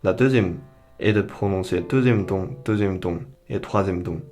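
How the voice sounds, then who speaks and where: A man's voice: deep voice, moderate pace, darkish tone. A man teaching a beginner language lesson, explaining each point carefully and modeling the pronunciation for learners to repeat.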